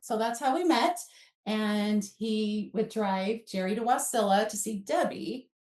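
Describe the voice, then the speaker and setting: A guest author, an American woman in her fifties from Alaska, tells stories in a casual, conversational way, animatedly acting out remembered dialogue. Her mid-range voice is unhurried, and she is recorded away from the mic in a room with noticeable echo.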